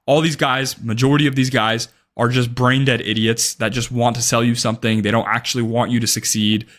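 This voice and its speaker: A man's voice: mid-range voice, flat delivery, fairly quick, a bit bright. A man of about twenty giving blunt, emphatic advice straight to camera, swearing freely and often ending points with "right?". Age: young adult. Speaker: day trading vlogger. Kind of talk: direct-to-camera advice talk.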